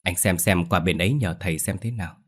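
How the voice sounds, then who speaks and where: An anxious village wife stammers through worried questions, read by a male narrator. The voice stays low and husky, plain and unhurried in a storybook ghost tale.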